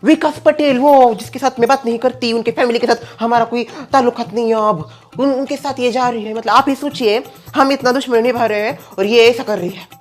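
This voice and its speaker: Man doing a nagging mother, high falsetto, scolding, comedy sketch. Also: steady tone, fairly quick, faint music behind. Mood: indignant. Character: nagging middle-aged Indian mother, sharp-tongued.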